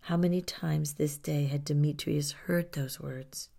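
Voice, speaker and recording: A woman narrating a somber story in a soft delivery that often drops near a whisper. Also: low voice, fairly even intonation, unhurried, gravelly.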